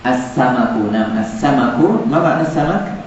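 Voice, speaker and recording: A man with a medium-pitched, animated voice runs an Arabic vocabulary lesson at normal speed, repeating words for the class and trading jokes with the students. Captured in a big classroom, the sound is echoey, distant and dull, with the students audible.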